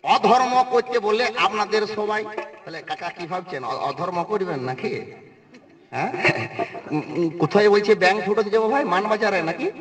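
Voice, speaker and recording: Male kabigan performer, very high forceful voice, teasing and preachy, echoey live sound from a distance. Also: moderate pace, slight background noise. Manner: teasing, preachy, addresses listeners directly. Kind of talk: live folk debate performance to an audience.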